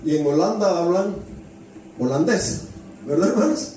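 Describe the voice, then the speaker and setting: A man with a high-sitting, dark-toned voice preaches a storytelling sermon, speaking expressively and a little slowly. He repeats phrases for emphasis and often puts rhetorical questions to the congregation. The church hall echoes heavily, and the distant mic picks up faint noise.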